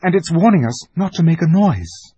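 A man's voice: fairly high pitch, very animated, moderate pace, warm tone, slightly rough, dry recording, pitched above the performer's own voice. Susan, a sensible girl, read by a man. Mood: earnest. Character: sensible girl, practical and cautious. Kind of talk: storybook reading.

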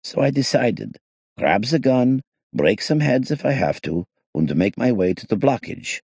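A man's voice: mid-range voice, big pitch swings, a little slow, darkish tone, husky, no echo, clean studio sound, voice pushed up. A man reading an audiobook, voicing a smug, self-pitying middle-aged male criminal in a raised, whining voice. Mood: wistful.

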